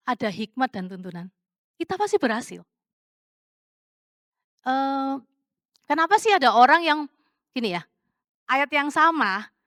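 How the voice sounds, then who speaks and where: A woman preacher with a somewhat high voice gives a relaxed, testimony-style sermon. She talks like she is chatting with friends, slips English words in, and keeps throwing rhetorical questions to the congregation. The sound is close and dry, with no room echo. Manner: chatty and conversational, with frequent fillers and English words mixed in.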